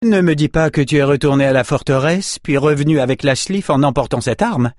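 A fierce sorceress scolds her former pupil in a raised, higher voice, voiced by a man reading an audiobook. She sounds exasperated and indignant. The recording is dry and close. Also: a little fast, a little mellow, no room sound, natural voice. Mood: demanding.

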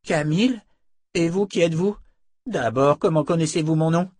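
A man doing a suspicious, higher teenage boy. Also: darkish tone, no echo, lightly acted. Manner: suspicious, quick to question. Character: distrustful teenage boy, fiercely loyal friend. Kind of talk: audiobook character voice.

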